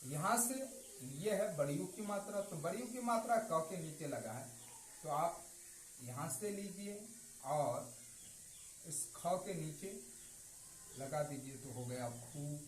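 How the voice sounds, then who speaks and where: Male teacher, patient and repetitive, lively pitch; roomy recording with faint hiss. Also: slow, pauses often. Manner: patient, repeats each answer twice, drops pitch at each result. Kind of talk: slow step-by-step writing lesson. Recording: echoey room with faint noise.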